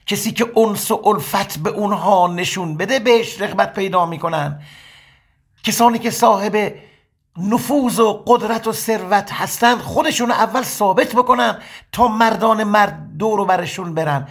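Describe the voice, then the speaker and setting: A man's voice: sits high, a bit bright, breathy edge. A man preaching a religious lecture, quoting scripture and then explaining it in plain talk. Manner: sermon-like, quoting Arabic passages then explaining them.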